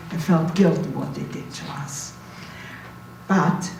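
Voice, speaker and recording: A Berlin-born Holocaust survivor in her 80s gives an informal spoken recollection to an audience in a university talk room. She has a German accent and a low, dark voice. The distant mic picks up an echoey room and faint noise.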